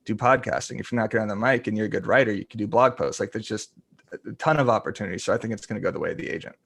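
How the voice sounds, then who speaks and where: Low, gravelly man joking casually. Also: rapid-fire, fairly bright tone. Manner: joking, laid-back. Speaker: guest, content creator. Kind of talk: casual podcast chat.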